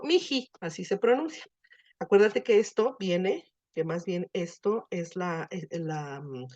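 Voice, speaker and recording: A woman's voice: mid-range voice, darkish tone, highs cut off. A woman teacher explaining Latin grammar in an online class, patient and full of fillers.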